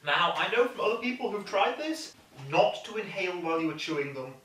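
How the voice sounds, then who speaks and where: A man hosting a casual tasting review, describing the food in a steady, matter-of-fact way. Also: high voice, fairly quick. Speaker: host, hot food reviewer. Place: indoor room. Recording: echoey room, distant mic, faint noise.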